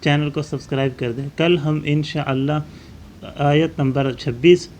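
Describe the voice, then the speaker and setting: A man teaching Quran recitation, chanting verses slowly and then explaining tajweed rules briskly. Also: a little high, steady tone, a little mellow, slight background noise. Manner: alternates slow drawn-out recitation with brisk explanation.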